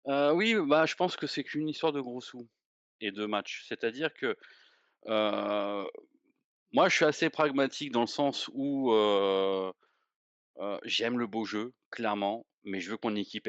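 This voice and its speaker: A man's voice: fairly low pitch, normal speed, a bit bright, no echo, dull audio. A man co-hosting a casual football chat, rambling and hesitant with many fillers and repeated words, heard over a remote call. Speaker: podcast co-host.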